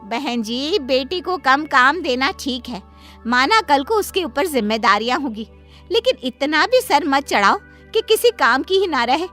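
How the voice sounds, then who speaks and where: A woman voicing a nosy, preachy middle-aged neighbor in a cartoon story, with soft music behind. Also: sits high, animated, unhurried, exaggerated voice. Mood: lecturing. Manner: meddling, lecturing. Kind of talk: cartoon voice acting.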